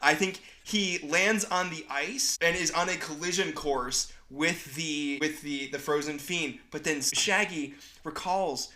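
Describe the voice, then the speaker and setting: A man co-hosting a podcast, narrating a made-up story in animated, casual chat. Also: a little high, unhurried, few pauses. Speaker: podcast co-host.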